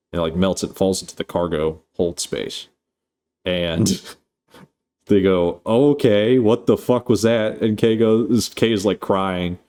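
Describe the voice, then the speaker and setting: A man's voice: low-pitched, darkish tone. A man casually recapping a movie plot, rambling and swearing, full of fillers and restarts. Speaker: movie reviewer.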